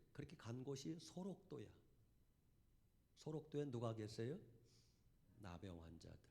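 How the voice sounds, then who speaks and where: A man pastor preaching a revival sermon in a church, telling a story dramatically and swinging from hushed to shouted. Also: medium pitch, gravelly.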